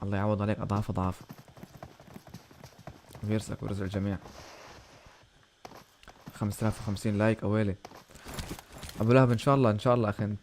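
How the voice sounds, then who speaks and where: A man commentating his own game on a live stream, excitable, shouting at big plays and thanking donors warmly. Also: lowish voice, slight background noise. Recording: game gunfire and music behind.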